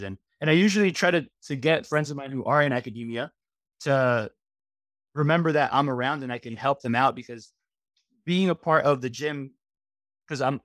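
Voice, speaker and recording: A man's voice: medium pitch, no room sound. Middle-aged male guest, easygoing, rambling lists, headset on a video call, dry close sound. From Miami, USA. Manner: relaxed, rambling lists with frequent fillers. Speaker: guest, registered dietitian. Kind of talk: casual interview chat. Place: home room, video call.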